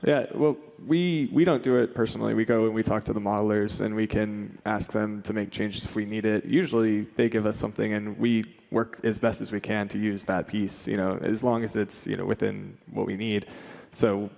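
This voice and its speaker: A man with a low, gravelly voice that barely moves in pitch speaks calmly on a panel. His answers are plain and steady. The sound carries into a hall with a long reverb. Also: moderate pace, hardly any pauses. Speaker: level designer on a convention panel.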